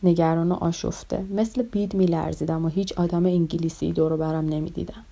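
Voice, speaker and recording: Woman reading a story aloud, soft and close, kinda gravelly and warm. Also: lowish voice, fairly even intonation. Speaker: audiobook reader. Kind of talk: story narration with dialogue.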